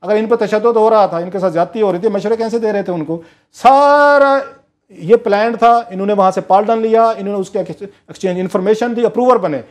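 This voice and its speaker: Animated high-voiced male analyst. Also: quick pace, few pauses. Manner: animated, emphatic storyteller. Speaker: political analyst. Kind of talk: talk show commentary.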